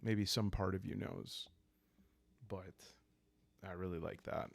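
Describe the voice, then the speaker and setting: In a low voice with a gravelly fry, a man calmly works through a solo journaling roleplay game, thinking aloud and improvising scenes at a gentle, unhurried pace meant to help people doze off. The recording is close and dry, with no surrounding room.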